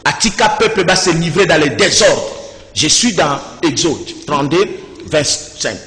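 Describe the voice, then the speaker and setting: A man with a Congolese accent, a religious speaker in a debate, preaching with fiery declaiming that rises to shouts. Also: fairly high pitch, lively intonation, a little slow, slight background noise. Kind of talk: impassioned preaching in an interview. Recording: echoey reverberant room.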